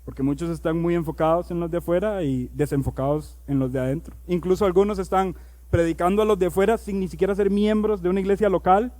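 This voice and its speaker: A high-pitched male pastor preaches a sermon, reading scripture aloud. He slows down on key words and builds to loud, emphatic preaching.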